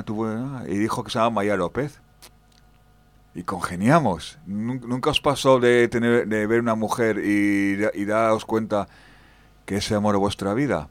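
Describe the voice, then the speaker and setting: A young man narrates a spooky tale in the first person for a radio show. His voice sits fairly low, and he talks in a halting, confiding way, turning to his listeners as he goes. The sound is close and dry. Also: no echo. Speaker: radio storyteller.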